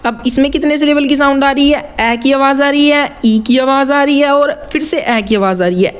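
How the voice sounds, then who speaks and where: A man with a notably high voice walks through rhyme basics in a relaxed tutorial tone. He repeats words slowly, breaking them into syllables, and mixes in English terms. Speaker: rap writing teacher. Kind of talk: casual tutorial explanation.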